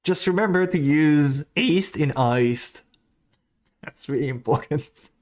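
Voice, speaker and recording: A man with a French accent casually streams a game, thinking out loud, half-muttering to himself, and breaking off to answer his chat. His voice is a little high and his pace slow.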